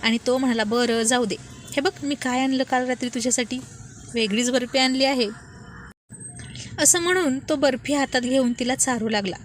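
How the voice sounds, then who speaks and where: Woman narrator, fairly high voice, expressive story reading, faint noise behind. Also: moderate pace. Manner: expressive, voices dialogue with lively emphasis.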